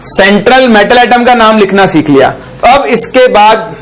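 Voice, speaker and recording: Very high-pitched male chemistry teacher. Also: animated, rough recording. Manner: asks the class a question and answers it himself; dictates slowly while writing on a board. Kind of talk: chemistry lesson.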